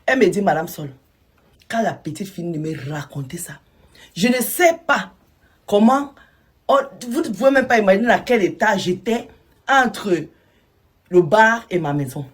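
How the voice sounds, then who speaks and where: Husky-voiced woman storyteller, emotional first-person retelling that drops to a hush. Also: medium pitch, sing-song, moderate pace, pauses often. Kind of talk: retelling a listener's testimony.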